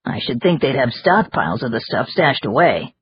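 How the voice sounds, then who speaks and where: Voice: mid-range voice, animated, normal speed, a little hiss or hum, natural voice. A narrator voicing a skeptical, sardonic man who speaks bluntly, in an audiobook. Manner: blunt and sarcastic. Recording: dull lo-fi audiobook recording.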